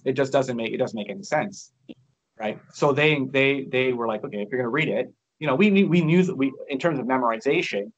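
Sitting indoors near a big window, a Canadian guest in his thirties chats openly in a casual interview over video call, often restarting and saying "you know" and other fillers. His voice is medium-pitched and brisk, and the sound quality is lo-fi.

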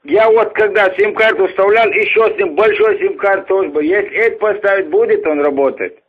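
A man from Dagestan with a Dagestani accent, calling in with halting, hesitant, naive questions. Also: high voice, breathy edge. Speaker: caller. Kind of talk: phone call. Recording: tinny narrow-band phone line.

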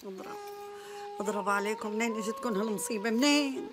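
A woman's voice: on the high side, fast, natural voice. An actress playing a curious, dramatic neighbor woman who laments nosily, with a Damascene accent. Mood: lamenting. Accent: Damascene Arabic. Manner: nosy, lamenting. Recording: music underneath.

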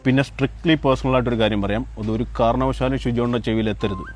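An actor playing a young bachelor whose marriage proposals keep falling through, in a comic short film, with rapid, dramatic complaining. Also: male voice, mid-range voice, steady tone, darkish tone, soft background music, lightly acted.

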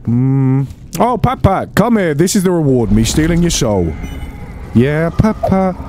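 A man's voice: a little high, sing-song, normal speed, darkish tone, slight background noise. A man giving casual gameplay commentary, swearing freely and talking to the game's characters in bursts of exasperation. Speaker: let's play host.

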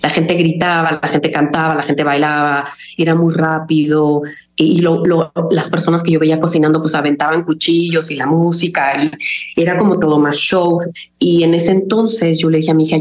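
Low-voiced calm woman from Mexico City. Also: reverberant. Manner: calm, measured, deliberate diction. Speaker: chef and recipe video creator, guest. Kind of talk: conversational interview.

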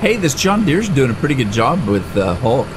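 A middle-aged gaming channel host gives casual let's-play commentary in a sing-song, mid-range voice at a moderate pace. His talk is rambling and chatty, full of "uh"s and restarts, and the game's tractor and engine sounds are clearly audible behind it.

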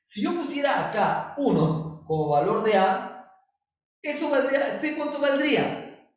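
A male chemistry teacher explains step by step in a playful, teasing way, checking in with his class again and again. His voice sits high and moves with lively swings. The sound is far from the mic in a strongly echoing room. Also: a little slow. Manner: playful, teasing, asks many check questions. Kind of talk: recorded classroom lesson. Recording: very echoey room, distant mic.

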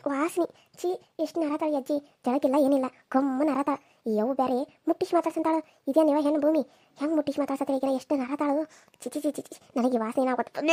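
A woman's voice: sits high, dark tone, no echo, studio quality, lightly acted. A woman voicing a spoiled, scornful young village woman in a cartoon serial, with a sneering, complaining manner.

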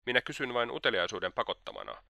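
A man voicing a mocking seducer in a storybook, higher than his own voice, bright, taunting and dry. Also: wildly swooping pitch, vocal fry, dry recording, full character voice. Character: scheming sensual man, mocking and persistent.

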